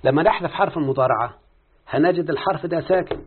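A man's voice: a little high, fast talker, husky. A man with an Egyptian accent works through an Arabic grammar lesson step by step and keeps checking with his teacher. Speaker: student reciting a grammar lesson. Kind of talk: Arabic morphology lesson, question and answer. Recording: tinny phone-like recording.

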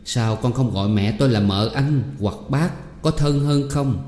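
A man's voice: medium pitch, measured pace, darkish tone, a little hiss or hum, natural voice. A man voicing a mother who questions her son and mildly reproaches him, in a storybook reading. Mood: reproachful. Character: puzzled, gently scolding mother. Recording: reverberant hall with faint music.

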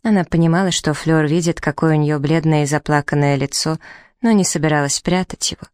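A woman reading a novel aloud as narrator, in even, measured storytelling. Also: low voice, smooth, no room sound, studio quality. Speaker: audiobook narrator. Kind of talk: scripted narration.

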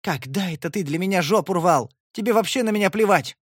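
A man voicing a defensive, quick-tempered young woman who shouts sharp retorts. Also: high-pitched, expressive, breathy edge, no room sound, studio quality, voice pushed up. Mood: bitter.

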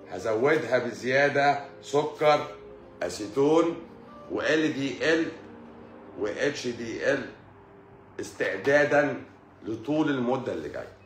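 A man with an Egyptian Arabic accent giving an explanatory talk on a live stream. He repeats key words as questions and greets viewers in quick asides. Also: medium pitch. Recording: echoey room with faint music.

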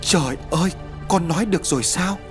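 A man's voice: mid-range voice, big pitch swings, fast, faint music behind, voice pushed up, close to an everyday voice. A man doing an anxious mother's raised voice. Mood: astonished. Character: anxious, emotional middle-aged mother.

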